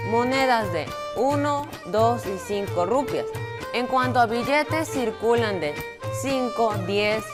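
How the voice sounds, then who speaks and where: Peruvian woman explaining facts to kids. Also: mid-range voice. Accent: Peruvian Spanish. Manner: informative, plain explaining. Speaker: children's segment presenter. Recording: music playing behind.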